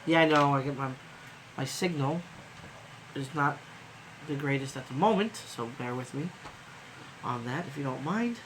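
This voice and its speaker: Trucker streamer, male, tired and yawning, loose chatty delivery with fillers and swearing; voice a bit high, faint noise behind. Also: moderate pace, pauses often. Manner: rambling, loose, swears casually, many fillers. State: sleepy, yawning. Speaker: trucker vlogger hosting a live stream. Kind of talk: casual live-stream chat.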